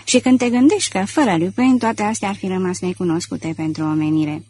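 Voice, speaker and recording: A woman voicing a proud, ironic gentleman thief in an audiobook. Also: mid-range voice, close to an everyday voice. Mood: boastful. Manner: proud, ironic and self-assured. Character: elegant, boastful gentleman thief, man. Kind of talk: audiobook character reading.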